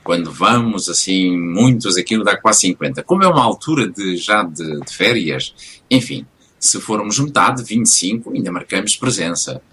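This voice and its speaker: A man's voice: on the low side, lively intonation, normal speed, sharp tone, a little hiss or hum. A man hosting a casual radio interview, talking hesitantly with frequent fillers and restarts. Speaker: radio host.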